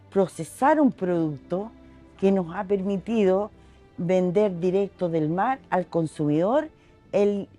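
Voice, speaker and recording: A woman from a seaweed cooperative speaks with earnest emphasis. Her voice is mellow, and faint music plays under it. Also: mid-range voice. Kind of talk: documentary interview.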